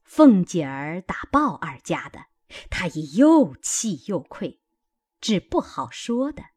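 A woman's voice: lowish voice, very animated, slow pace, a little mellow, breathy edge. A woman reading a classic novel aloud as dramatic storytelling. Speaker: audiobook reader.

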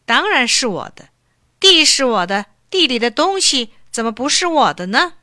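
A woman's voice: high voice, big pitch swings, normal speed, bright, forceful tone, dry recording, clean studio sound, voice pushed up, heavily acted. Woman doing a blustering greedy landlord. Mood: insistent. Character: grabby middle-aged male landlord, blustering.

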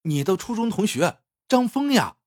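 A man's voice: medium pitch, very animated, measured pace, breathy edge, dry recording, studio quality. A man voicing an earnest, nostalgic man looking for an old friend, with an emotional delivery. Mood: eager.

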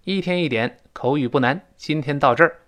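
A man teaching spoken English, explaining phrases in a lively way and reading English lines slowly and clearly. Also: a little high.

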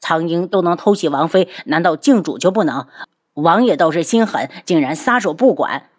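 A woman's voice: on the low side, lively intonation, moderate pace. A woman voicing a blunt, loyal male soldier in an audiobook, speaking resentfully. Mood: defiant.

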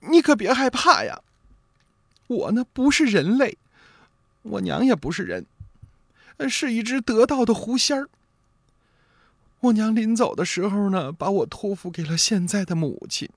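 Folk-tale fox-spirit bride, young woman, raised and soft, gently pleading; a male storyteller plays her. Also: high voice, no room sound, studio quality, voice pushed up, full character voice.

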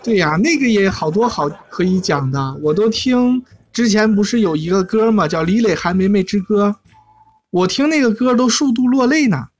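A woman's voice: mid-range voice, expressive, normal speed, few pauses, noisy background. A woman hosting a live chat show in a casual, chatty and giggly way. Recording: music bed behind the voice.

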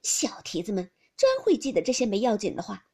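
A woman reading aloud as a bantering, sharp-tongued noble lady who scolds with a laugh. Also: mid-range voice, expressive, brisk, slightly rough. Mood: teasing.

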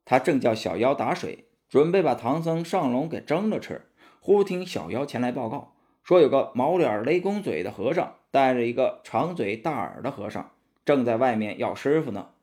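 Lively male storyteller. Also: medium pitch, moderate pace. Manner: lively, expressive reading. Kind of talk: children's storybook narration.

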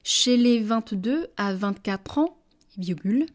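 Slow, deliberate woman reading a dictation. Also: lively intonation. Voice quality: measured, deliberate, dropping low on punctuation words. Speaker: dictation reader. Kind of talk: slow French dictation, each phrase read twice with punctuation spoken.

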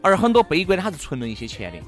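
A man's voice: high-pitched, rapid-fire, over music. A man with a Sichuanese accent co-hosting a talk show in casual, comic banter, animatedly acting out his points. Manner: animated, acts out imagined worries and quotes.

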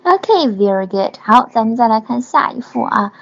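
Husky woman teacher, slow careful english words, praises everyone, kinda muffled audio. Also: a little high, lively intonation. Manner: models English words slowly and repeats them, praises learners. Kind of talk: online English lesson. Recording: dull lo-fi audio.

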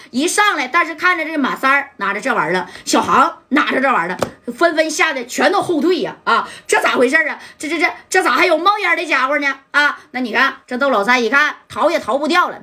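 A woman with a Northeastern Mandarin accent telling a gangster story in a lively, colloquial way, with spoken sound effects. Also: on the high side, slightly rough.

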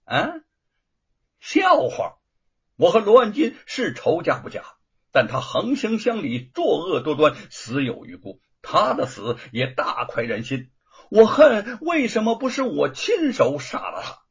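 Defiant proud scholar, a man doing him, lively high voice. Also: unhurried, breathy edge, heavily acted. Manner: scornful, ringing, unbowed. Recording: dull lo-fi recording.

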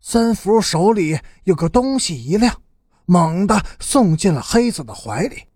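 Husky male audiobook narrator, lively swoopy delivery, dry close mic. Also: sits high, a little slow, no echo. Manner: expressive, lively storyteller. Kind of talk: storytelling narration.

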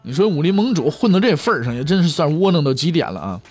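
A man's voice: on the high side, sing-song, fast talker, darkish tone, slightly rough, soft background music. A male storyteller telling history in a humorous, chatty storytelling style, often asking the listener rhetorical questions. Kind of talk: comic pingshu storytelling.

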